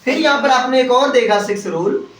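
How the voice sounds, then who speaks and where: Male teacher in a classroom, spells everything out, keeps asking "clear?", sounds far off and echoey. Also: very high voice, fairly quick, a bit bright, slight background noise. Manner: spells words letter by letter and keeps checking if students follow. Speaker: English teacher. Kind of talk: classroom lesson with call and response. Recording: roomy classroom audio from a distance.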